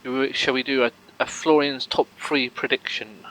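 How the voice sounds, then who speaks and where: A man's voice: mid-range voice, steady tone, normal speed, fairly bright tone, poor audio. A man commentating a sim race live, rambling with lots of fillers and joking banter with his co-host.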